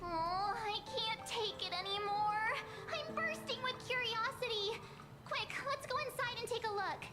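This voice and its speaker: An actress voicing an excitable young female game character who gushes with breathless enthusiasm and apologizes quickly when she gets carried away. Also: extremely high pitch, reverberant, over music. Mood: curious. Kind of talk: game voice acting.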